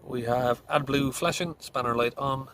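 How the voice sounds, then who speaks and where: A mechanic in middle age talks through a diagnosis in a casual, plain way, thinking aloud with fillers from inside a van. He's unhurried, his mid-range voice fairly bright though congested from hay fever, with slight background noise.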